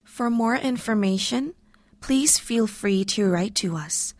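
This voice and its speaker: A woman's voice: medium pitch, takes it slowly, darkish tone, no room sound, studio quality. A woman announcer reading scripted station identification and contact details.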